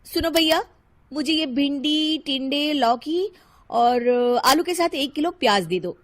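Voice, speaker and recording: A woman voicing a stingy, sharp-tongued young housewife in an animated cartoon, scolding and bossy. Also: high-pitched, measured pace, pitched above the performer's own voice.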